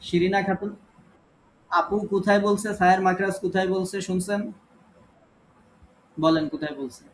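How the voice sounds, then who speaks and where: A man's voice: high-pitched, steady tone, moderate pace. A man teaching Quran recitation in an online class, with a Bangladeshi Bengali accent, calling on students one by one and patiently correcting their reading.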